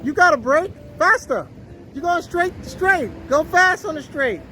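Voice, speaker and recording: A woman's voice: very high-pitched, animated, measured pace, sharp tone, slight background noise, poor audio. A woman coaching casually as an informal driving instructor, giving short, urgent, repeated commands outdoors. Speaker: informal driving coach filming a learner's lesson.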